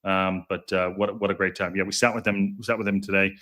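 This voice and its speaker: With little pitch movement, a quick pace, and a sharp tone, the host's deep, strong voice carries his jokey, casual chat with live viewers as he reads their comments. He keeps stumbling, cutting himself off, and starting sentences over.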